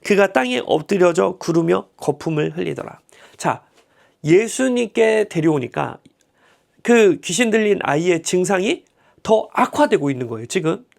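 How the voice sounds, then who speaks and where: Lively gravelly male pastor teaching scripture. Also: high voice, moderate pace. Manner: chatty, humorous, frequent tag questions. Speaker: pastor teaching a Bible class. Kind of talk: conversational Bible teaching.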